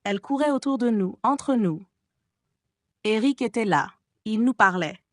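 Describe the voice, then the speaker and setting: A woman narrating a classic gothic novel as an audiobook, with expressive storytelling. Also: on the high side, measured pace, dry recording, studio quality. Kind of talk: scripted narration.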